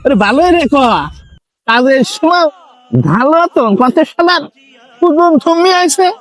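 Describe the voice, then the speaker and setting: A man's voice: extremely high pitch, measured pace, a bit bright. A man playing an irritable, coarse local worker in a comedy sketch, grumbling and mocking with a colloquial Bangladeshi accent. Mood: irritated. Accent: colloquial Bangladeshi Bengali. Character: irritable, foul-mouthed male local labourer, mocking.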